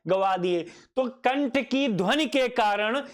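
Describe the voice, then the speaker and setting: In a very high, expressive voice, a man slowly works through a Hindi grammar lesson. He asks himself questions, restates every definition, and affectionately addresses his students as "child."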